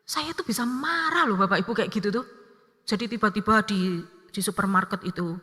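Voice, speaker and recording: Bright-voiced woman preaching in a church hall. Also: mid-range voice, a little fast. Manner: lively, acts out family dialogue in her story. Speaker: evangelist preacher. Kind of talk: sermon with personal storytelling. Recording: long church-hall reverb.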